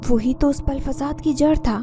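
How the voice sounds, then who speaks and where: Storybook part: stern old servant woman scolding children, read by a woman, raised mellow voice. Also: high voice, moderate pace, faint music behind, voice pushed up, lightly acted.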